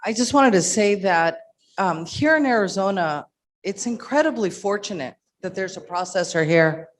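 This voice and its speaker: A woman's voice: medium pitch, animated, moderate pace. A woman on a panel speaking earnestly and encouraging the audience to work together. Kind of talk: panel discussion.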